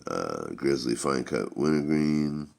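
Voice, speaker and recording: Male reviewer, extremely low voice with gravelly fry, rambling and halting, casual unscripted delivery. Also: very animated, darkish tone. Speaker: product reviewer.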